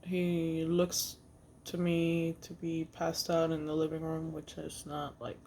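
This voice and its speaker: A woman casually telling a personal story in a vlog, halting with fillers and restarts, blunt and swearing freely. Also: low-pitched, completely flat delivery, darkish tone, a little hiss or hum. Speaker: vlogger.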